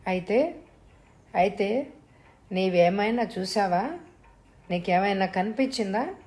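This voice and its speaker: A woman's voice: mid-range voice, slow pace, a little mellow, lightly acted. A woman voicing an anxious young husband who pleads with urgent questions. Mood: worried. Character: anxious young husband, gentle, easily alarmed.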